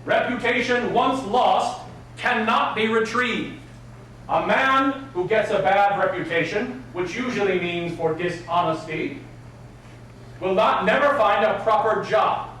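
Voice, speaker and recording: A man's voice: high-pitched, measured pace, a bit bright. A man teaching an etiquette class live, speaking with prim, precise enunciation and formal, old-fashioned politeness. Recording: very echoey room, distant mic, faint noise.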